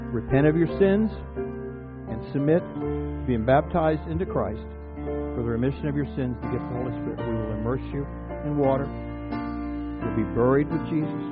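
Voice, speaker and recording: A middle-aged man preaching a sermon as a pastor, earnest, moving from quiet personal reflection to raised exhortation. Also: mid-range voice. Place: church sanctuary. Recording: dull, reverberant hall recording with faint music.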